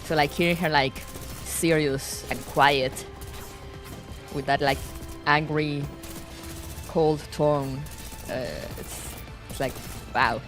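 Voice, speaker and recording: Low-voiced woman commentating a game. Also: fairly even intonation, slow pace, long pauses, over music. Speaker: game streamer. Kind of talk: casual playthrough commentary, reading dialogue aloud.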